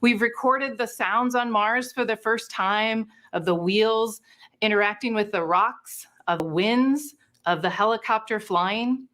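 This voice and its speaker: A woman's voice: fairly high pitch, unhurried, fairly bright tone. Woman giving a mission update. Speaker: space mission team member. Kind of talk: presentation update.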